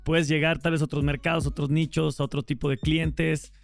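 A man's voice: on the high side, flat delivery, a little fast, gravelly, soft background music. A man with a Mexico City accent hosting a casual panel, playful as he reads out audience questions. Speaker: show host.

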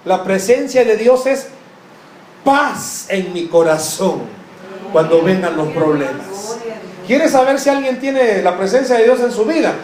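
A male pastor preaching a sermon, questioning the congregation directly with joking asides and slowing to stress key words. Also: sits high, lively intonation, a crowd in the background. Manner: slows and stresses words for emphasis. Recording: echoey room, faint background noise.

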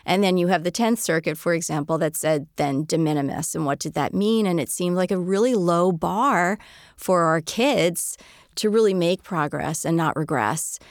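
A woman's voice: on the low side, moderate pace, dry recording, studio quality. A woman attorney hosting an interview, chatty and asking questions with friendly asides. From United States. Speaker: attorney, podcast host. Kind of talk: conversational interview.

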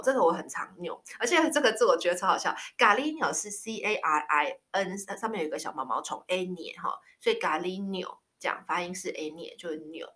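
A woman's voice: lowish voice, bright, forceful tone. A woman in her thirties teaching Spanish words in a casual, chatty way, spelling them out letter by letter. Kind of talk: casual language lesson.

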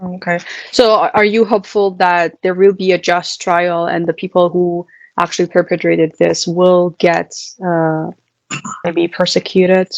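A woman hosting a podcast interview, asking questions in a hesitant, halting way. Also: on the low side, little pitch movement, gravelly, dry recording, lo-fi sound. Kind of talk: conversational interview.

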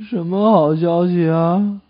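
A man playing a hopeful, gravely ill patient. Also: high-pitched, steady tone, takes it slowly. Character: long-ill male hospital patient hoping for a cure. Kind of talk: comic sketch dialogue. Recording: dull lo-fi recording.

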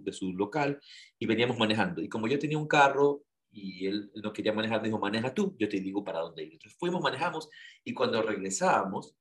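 A man hosting a casual talk show, telling stories in an animated way and asking rhetorical questions. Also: fairly low pitch. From Ecuador.

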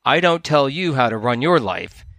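A man's voice: mid-range voice, sing-song, normal speed, a bit bright, no echo, studio quality. A man voicing a frantic, stubborn fly who answers curtly and sarcastically in a storybook reading. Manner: curt, sarcastic.

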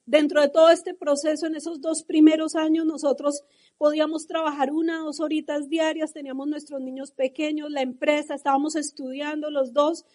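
In front of a live audience, a middle-aged woman from Colombia gives a motivational talk, recounting her story with passion in her Colombian accent. Her voice is high-pitched and slightly mellow.

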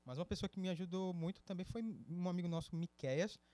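Dude talking fast on a podcast, highish voice, chatty storytelling. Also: male voice, no echo. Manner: storytelling, lively recollection. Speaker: podcast co-host. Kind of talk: casual podcast chat.

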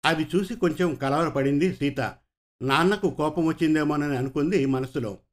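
A man reads a storybook aloud, narrating in an even, measured way. His voice sits a little higher than most men's. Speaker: story reader.

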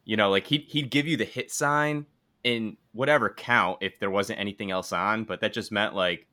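Man co-hosting a sports podcast, lowish voice with a bright forceful edge. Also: normal speed. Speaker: podcast co-host. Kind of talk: casual podcast chat.

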